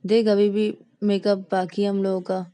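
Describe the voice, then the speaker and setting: A woman's voice: mid-range voice, level tone, moderate pace, dark tone, natural voice. A woman voicing a caring young woman who talks in a soothing, coaxing way.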